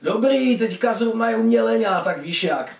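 A man's voice: very high voice, animated, gravelly, pitched above the performer's own voice, full character voice. A man voicing a casual, upbeat teenage boy who plays in a band. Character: laid-back teenage boy bandmate. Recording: echoey room, distant mic.

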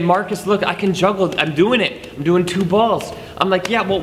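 A man's voice: on the high side, a bit bright. A young man teaching juggling in a playful, joking way, talking straight to the viewer as he demonstrates. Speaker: juggling instructor. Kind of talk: instructional video. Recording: echoey room with long reverb, faint noise.

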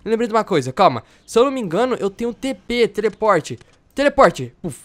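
A young Brazilian man hosting excited Minecraft role-play commentary, yelping and laughing often. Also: high voice, brisk. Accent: Brazilian Portuguese. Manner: animated, yelps and laughs often. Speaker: host.

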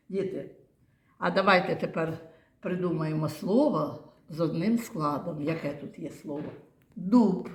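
In an echoey room, a woman with a fairly low-pitched voice teaches kindergarten. She leads young children through a lesson, patiently asking questions, praising their answers and spelling out sounds and syllables.

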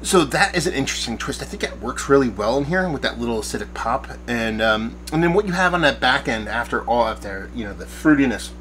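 A man's voice: medium pitch, expressive, a little fast, few pauses, a bit bright, rough recording. A man in his forties talks through a beer tasting at his desk, rambling and searching for the right word as he goes. His voice sits in a middle register. A faint hum runs underneath. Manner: rambling, searching for words, enthusiastic. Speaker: beer reviewer. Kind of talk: casual beer review to camera. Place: backyard shed studio at night, small room.

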